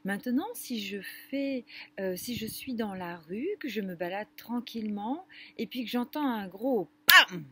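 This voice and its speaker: A woman leading a children's music lesson, speaking gently and didactically straight to the kids. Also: mid-range voice, breathy edge. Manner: gentle, slow and didactic, addressing children directly. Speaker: music teacher for young children.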